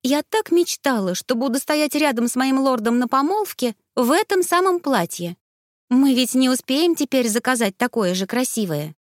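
Woman reader doing a flighty young noble girl, high, loud, pleading. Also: big pitch swings, unhurried, no echo, clean studio sound.

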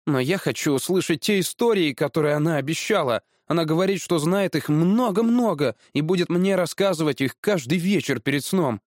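A man's voice: fairly high pitch, animated, a little fast, few pauses, no echo, clean studio sound, pitched above the performer's own voice, natural voice. A man voicing a stubborn, hopeful young boy who pleads and insists. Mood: pleading.

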